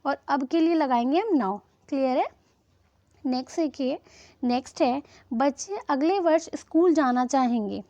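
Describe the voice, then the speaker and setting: A woman teaching English grammar to Hindi speakers, checking in with "okay?" after each point and reading example sentences slowly. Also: sits high, dark tone, dry recording. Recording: slightly dull, lo-fi sound.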